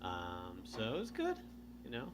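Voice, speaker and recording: A man's voice: fairly low pitch, wildly swooping pitch, measured pace, noisy background. A man who plays in the band now and then, answering hesitantly and trailing off. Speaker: occasional band member. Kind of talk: casual interview chat.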